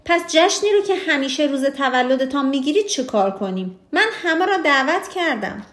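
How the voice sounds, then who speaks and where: A woman's voice: high voice, animated, fairly bright tone, voice pushed up. A woman doing an eager storybook minister. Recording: roomy echo.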